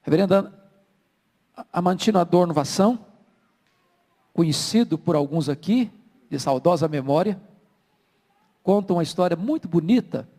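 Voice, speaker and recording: A man preaching a sermon in Brazilian Portuguese, swinging from soft, low asides to loud, slow emphasis. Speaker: pastor. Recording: long hall reverb.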